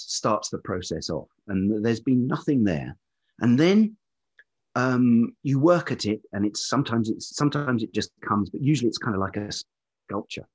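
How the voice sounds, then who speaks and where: A middle-aged Englishman with a lowish, slightly rough, velvety voice appears as a podcast guest; he's a writer and musician from England. He reflects hesitantly, searching for his words and repeating them along the way.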